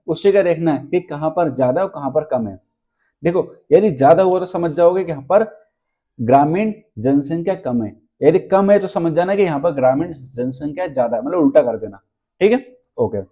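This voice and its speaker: A man's voice: on the high side, dark tone. A male teacher running an exam-prep lesson, asking questions and answering them himself and repeating key points.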